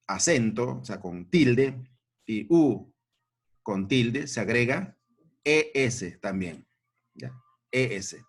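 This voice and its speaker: A man teaching a grammar lesson to children, repeating each point and checking in with short questions. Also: mid-range voice.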